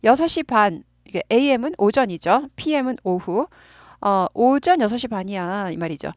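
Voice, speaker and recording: A woman's voice: mid-range voice, expressive, normal speed, dry recording, clean studio sound. A woman with a Korean accent, an English teacher patiently explaining grammar and drilling pronunciation by repeating phrases.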